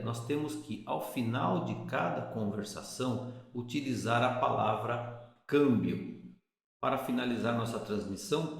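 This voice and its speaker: A Brazilian man giving an explanatory lesson as an instructor, talking in a methodical, didactic way. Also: mid-range voice. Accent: Brazilian Portuguese. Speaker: boating instructor. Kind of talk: explanatory lesson with exam questions. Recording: very echoey, reverberant room.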